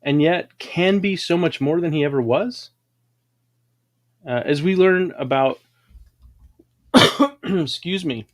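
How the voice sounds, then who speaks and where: Dude hosting a stream, kinda high voice, big dramatic sermon-y tall tales. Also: male voice, slow, pauses often. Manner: dramatic, preachy, tall-tale boasting. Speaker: livestream host. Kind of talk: grandiose motivational storytelling.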